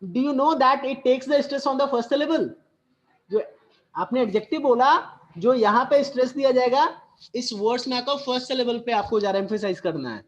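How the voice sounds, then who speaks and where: A man with an Indian English accent teaching a school class, switching between Hindi and English and explaining slowly and deliberately. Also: extremely high pitch, lo-fi sound.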